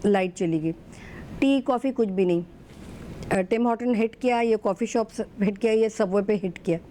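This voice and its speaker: Talkative woman with a mellow voice. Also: medium pitch, slight background noise. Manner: fluent mix of Urdu and English, animated storytelling. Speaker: guest. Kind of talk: talk show discussion. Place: TV studio.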